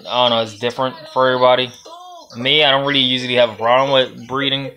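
In a reptile room lined with storage tubs, a young vlogger and reptile breeder with a Puerto Rican accent records a casual how-to on a phone held close at arm's length. His mid-range voice is quick, sharp and fairly monotone, and his delivery wanders, punctuated by laughter and swearing.

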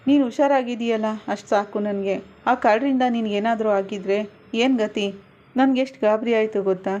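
A woman voicing an anxious young husband who gently comforts and apologizes to his wife. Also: on the high side, normal speed, natural voice. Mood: consoling. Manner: soothing, apologetic pleading. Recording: dull lo-fi recording.

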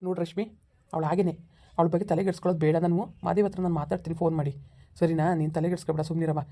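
Brief: man, low warm voice, fast reassuring father calming his daughter in a village drama. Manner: soothing, reassuring. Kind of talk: amateur village family drama.

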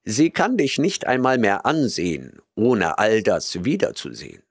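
A man's voice: fairly low pitch, wildly swooping pitch, measured pace, slightly rough, no echo, studio quality, exaggerated voice. A man doing a pompous old professor. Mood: condescending. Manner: pompous, self-satisfied. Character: vain, condescending elderly male professor.

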